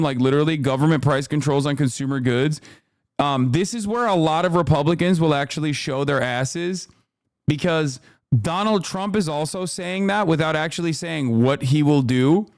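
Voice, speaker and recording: A man's voice: on the high side, dry recording, studio quality. A man live-streaming political reaction commentary, talking in a profane, emphatic way and often tagging "okay?" onto his points.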